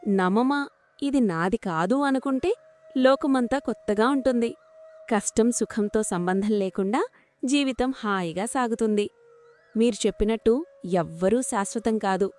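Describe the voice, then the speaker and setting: A woman voicing a shrewd village wife who lectures her husband with steady moral advice. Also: on the high side, lightly acted.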